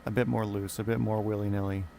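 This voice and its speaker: A man with a lowish, gravelly voice rambles through a casual live stream, dropping profanity in an offhand way. He sounds like he's at a desk mic in a home gaming room, with a faint noise floor underneath. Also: flat delivery, quick pace, dark tone. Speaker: flight sim streamer.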